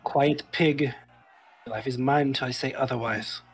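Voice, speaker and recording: A man's voice: medium pitch, steady tone, normal speed, faint music behind, natural voice. A man voicing a merciless rebel madame, an animal woman in a game, curt and severe. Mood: commanding. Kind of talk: reading visual novel game dialogue in character.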